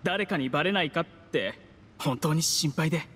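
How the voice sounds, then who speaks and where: A man's voice: on the high side, normal speed, a bit bright, breathy edge, in a large hall. A man voicing a timid, scheming official in an anime game, speaking in an obsequious, humble and apologetic manner. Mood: timid, nervous. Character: timid, servile male official, meek scheming poisoner.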